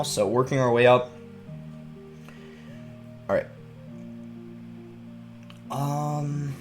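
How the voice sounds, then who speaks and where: Soft game music accompanies this young streamer's laid-back play-by-play, which he explains as he goes with many fillers. His mid-pitched voice is congested, since a cold has left him with a stuffy nose and sore throat. He's indoors at his gaming desk, commentating live.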